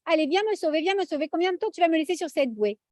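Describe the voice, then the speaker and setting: A woman's voice: very high voice, animated, rapid-fire, darkish tone, no echo, clean studio sound. A woman voicing a stubborn man stranded on a buoy, pleading and cocky.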